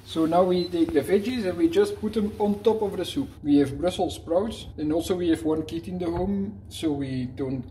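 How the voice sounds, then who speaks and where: Warm-toned and a little high, this Dutch cooking vlogger talks at a moderate pace with hardly any pauses. He's playful and jokey, restarting phrases mid-way during a casual demo at home. Sound comes from a handheld, moving camera mic in an echoey kitchen with sizzle and slight background noise.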